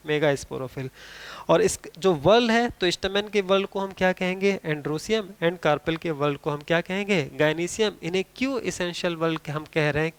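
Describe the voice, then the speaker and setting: A male teacher gives an exam-prep biology lecture, his voice a little high and smooth. He keeps asking his class questions and answering them himself. He slows down to stress technical terms and keeps checking in with "theek hai". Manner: mixes Hindi with English terms, repeats "theek hai".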